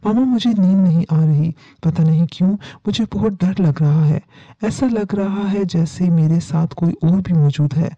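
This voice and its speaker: A woman voicing a frightened teenage girl in a spoken horror story, talking gently and pleadingly. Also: lowish voice, dry recording, natural voice. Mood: scared. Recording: dull lo-fi dry recording.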